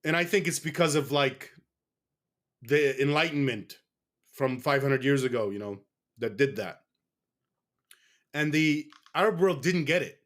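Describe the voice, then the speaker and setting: A man's voice: medium pitch, a little slow, long pauses. A man from the United States speaking in a casual interview as a guest, candid and rambling, often stopping to correct himself.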